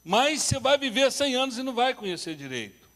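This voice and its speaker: A man's voice: very high-pitched, big pitch swings, brisk, pushed and bright. A man teaching a couples workshop at church, telling humorous, self-deprecating stories. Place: church hall. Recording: reverberant church hall.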